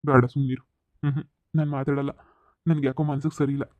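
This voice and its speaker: A man's voice: medium pitch, flat delivery, fast, no room sound, narrow, tinny audio, natural voice. A man voicing a weary, regretful cartoon father. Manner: weary, regretful, speaks of lying down to rest. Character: ailing middle-aged father, cheated businessman. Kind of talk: cartoon voice acting.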